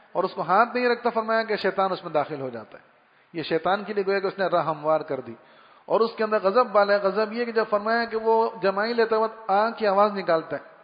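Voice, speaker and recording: A high-pitched male preacher delivers a sermon on manners in an easy, storytelling way, acting out small sounds to make his point. His voice rings with a long reverb, as in a large hall, and the recording sounds muffled and dull. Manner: conversational storytelling, imitates sounds. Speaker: Islamic preacher.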